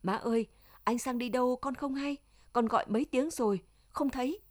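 A woman's voice: normal speed, dry recording, studio quality, natural voice. A woman doing a frantic young village wife. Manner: high-pitched, pleading cries.

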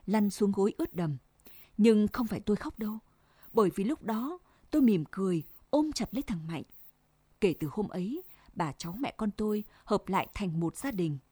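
A woman reading a first-person story aloud in a gentle, measured way. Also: medium pitch, breathy edge, no echo.

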